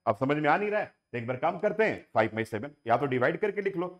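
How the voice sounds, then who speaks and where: Lively maths teacher quizzing class. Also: male voice, a little high, fast. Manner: asks the class questions and repeats points. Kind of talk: classroom lecture mixing Hindi and English. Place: classroom with students and online viewers.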